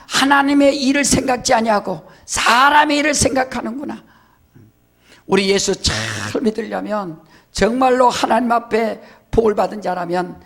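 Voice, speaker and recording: A man's voice: very high-pitched, a bit bright. A man preaching a sermon as pastor, who acts out the quoted speech of others and keeps asking the congregation questions.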